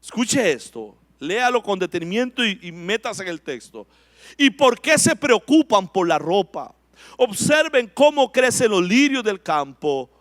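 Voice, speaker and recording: Male pastor, emphatic sermon delivery, high voice, dry recording. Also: very animated, a bit bright, no room sound. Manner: emphatic preaching, slows down to read scripture aloud.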